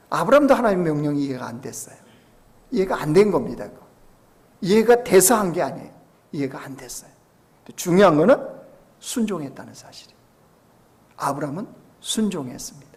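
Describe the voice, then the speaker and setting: Gravelly-voiced male pastor preaching. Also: on the high side. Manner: rhetorical questions to the congregation; shifts between soft hushed asides and raised emphatic lines. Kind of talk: Sunday sermon.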